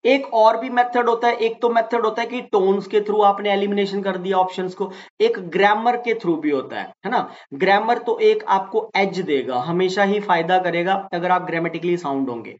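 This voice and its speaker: A man's voice: high voice, normal speed, muffled recording. A male teacher giving an exam-prep lecture, patiently explaining and addressing students affectionately as "beta", mixing Hindi with English example sentences.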